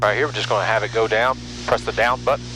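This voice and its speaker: Fast and fairly low-pitched, the voice belongs to a middle-aged American man who hosts a flying vlog and explains things casually from the cockpit of a small propeller aircraft. His intonation is fairly even. The rough recording through his aviation headset carries music, heavy engine hum, and intercom noise.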